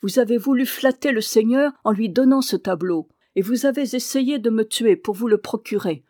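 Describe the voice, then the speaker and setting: Storybook reading: woman voicing a mocking old wise man, loud and pointed, dry close sound. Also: a little high, moderate pace, no echo, lightly acted. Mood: accusing. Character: sly old male wandering sage, mocking and bold.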